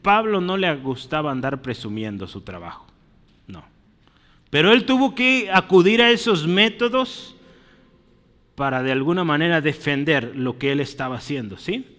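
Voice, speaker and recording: A man's voice: fairly high pitch, lively intonation, moderate pace, fairly bright tone, in a large hall. A man preaching a teaching sermon, explaining step by step, often checking that listeners follow and calling them brother. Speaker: preacher teaching a Bible study.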